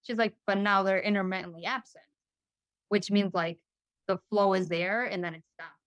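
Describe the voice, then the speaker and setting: Young woman, chatty guest storyteller; smooth voice, dry close recording. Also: mid-range voice, steady tone, normal speed, fairly bright tone, no room sound. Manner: chatty, full of "you know" and "like", acting out quoted voices. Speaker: interview guest. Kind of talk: casual storytelling.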